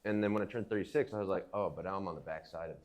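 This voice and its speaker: A man's voice: deep voice, rapid-fire. A man in his thirties hosting a casual, joking podcast chat. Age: 30s. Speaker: podcast host. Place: basement.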